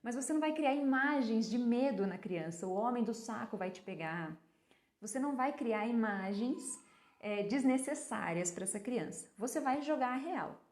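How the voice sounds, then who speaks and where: A woman's voice: fairly high pitch, animated, normal speed, reverberant. A woman talking casually on a live stream about raising children, often asking questions and answering them herself. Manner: explains with rhetorical questions and answers; acts out gentle talks with a child. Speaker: parenting educator.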